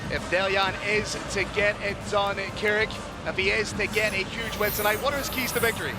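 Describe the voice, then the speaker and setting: A man's voice: sits high, steady tone, brisk. A man commentating a fight broadcast, reading out fighter records in a polished broadcaster's manner. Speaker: play-by-play commentator. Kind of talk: sports commentary. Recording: music under the voice.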